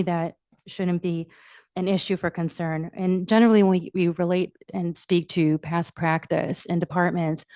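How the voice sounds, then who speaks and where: A woman speaking as the chair of a township board meeting, making formal remarks in halting, measured phrases. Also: fairly low pitch, mellow, no room sound, clean studio sound.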